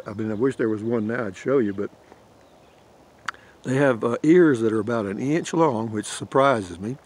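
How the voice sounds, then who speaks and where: Recorded on a handheld phone at arm's length, with a little hiss or hum, this older camping vlogger speaks in a medium-pitched voice and a drawl. He rambles folksily outdoors in a pine forest, chuckling a lot.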